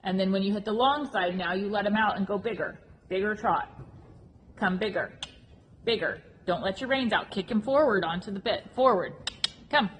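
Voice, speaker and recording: A woman riding instructor coaching a live lesson with brisk, projected commands, short and repeated, blunt and exacting in her corrections. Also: mid-range voice. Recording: reverberant hall with clear background noise.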